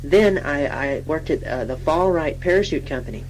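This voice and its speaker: This young woman's low, darkish voice is expressive and moderately paced as she plays a twenty-six-year-old station typist, chatty and self-deprecating. She improvises a giggly, rambling introduction of herself in everyday speech. The low-quality recording carries a faint hum and noise.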